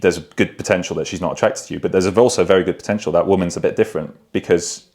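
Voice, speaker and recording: A man's voice: deep voice, rapid-fire, darkish tone. A young man co-hosting a podcast, giving blunt opinions in a casual, laughing chat. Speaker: podcast co-host.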